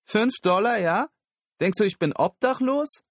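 A woman's voice: fairly low pitch, lively intonation, moderate pace, a little mellow, dry recording, clean studio sound, pitched above the performer's own voice. A man voicing a brash, teasing young female street hustler in an audiobook. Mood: indignant. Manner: teasing, brassy, scornful.

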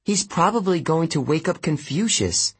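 A clever, fretting teenage girl who speaks earnestly, put on by a male audiobook reader. Her voice is raised high and sounds husky. She speaks slowly, and her pitch moves around a lot. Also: expressive, fairly bright tone, heavily acted.

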